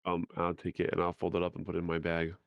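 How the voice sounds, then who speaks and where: A man's voice: sits low, monotone, quick pace, clean tone, no echo, dull audio. A man playing in a tabletop game, giving short easygoing replies. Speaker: player.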